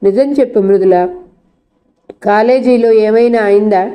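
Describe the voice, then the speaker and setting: A woman's voice: mid-range voice, measured pace, lo-fi sound, natural voice. A woman voicing a caring female housemate who presses with question after question, in a storybook reading. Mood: pressing.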